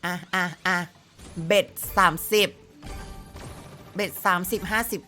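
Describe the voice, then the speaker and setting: Woman streamer, lowish bright voice, chatty and playful, casual gameplay commentary at a close mic, game music faintly behind. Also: slow. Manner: chatty, playful, exclaims at the screen.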